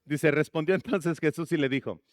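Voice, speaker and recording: A man's voice: a little high, normal speed, no room sound, studio quality. A man preaching a sermon as pastor, asking the congregation questions and slipping in jokes. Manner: asks the congregation questions and jokes between points.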